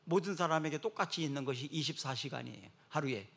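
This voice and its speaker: A man preaching a sermon to his congregation, swinging between loud emphatic exhortation and soft, slow, comforting passages. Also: on the high side, gravelly, slightly rough. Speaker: pastor.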